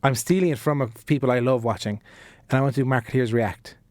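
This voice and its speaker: A man's voice: medium pitch, fast, a little mellow, no echo. Playful male podcast co-host. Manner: playful, joking, laughing. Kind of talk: casual podcast chat.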